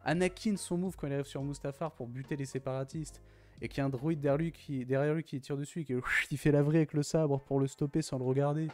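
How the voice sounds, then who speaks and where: Young man, excited casual review, slang-heavy, repeats exclamations, mid pitch, soft music in the background. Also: fast. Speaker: YouTuber reviewing films.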